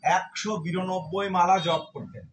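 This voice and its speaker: Guy with a high voice doing a devotional talk, walks through the numbers bit by bit, roomy echo. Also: moderate pace, a little hiss or hum. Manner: explanatory, counts out numbers step by step. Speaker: devotional speaker.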